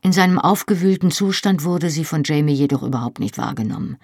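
A woman narrating a novel in a calm, measured storytelling voice. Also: low-pitched, breathy edge, no echo, clean studio sound. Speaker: audiobook narrator. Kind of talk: scripted narration.

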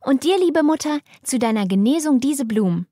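A woman's voice: high voice, lively intonation, normal speed, mellow, no room sound, clean studio sound, pitched above the performer's own voice. A woman voicing a bubbly, eager eighteen-year-old girl in a storybook reading.

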